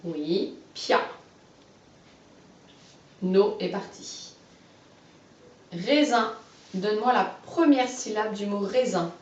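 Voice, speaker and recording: A woman teaches a young child phonics, stressing each syllable slowly and clearly and cheering the child on. Her voice sounds far from the mic in a roomy space. The recording is dull and muffled. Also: medium pitch, darkish tone. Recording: roomy, distant, muffled home video.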